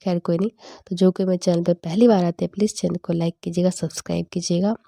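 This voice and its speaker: A woman's voice: fairly low pitch, fairly even intonation, quick pace, creaky, warm tone, no room sound, clean studio sound. A young woman casually narrating a home cooking vlog, chatty and laughing often. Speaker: vlogger.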